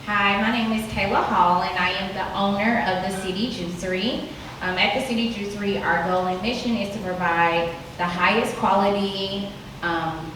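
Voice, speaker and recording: Woman panelist from Tennessee, relaxed, halting, heard distantly in a very reverberant room. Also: medium pitch. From Nashville, Tennessee. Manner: relaxed, hesitant with ums. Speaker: juice bar owner on a panel. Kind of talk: panel introduction and answers. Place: indoor event venue. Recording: very echoey room, distant mic, noisy.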